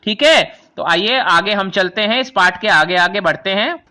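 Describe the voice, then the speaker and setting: A man's voice: sits high, animated, a little slow, pushed and bright. A man teaching a Hindi grammar lesson to children, explaining each term patiently and restating it in simpler words. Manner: explains patiently, repeating and rephrasing terms; addresses students as children. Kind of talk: classroom lesson explaining vowels.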